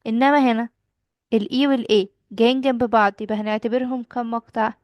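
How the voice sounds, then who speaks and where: A woman's voice: a little high, steady tone, fast, darkish tone, no echo. A young woman with an Egyptian Arabic accent, teaching English to a child, patiently asking questions and repeating the answers. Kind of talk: children's language lesson.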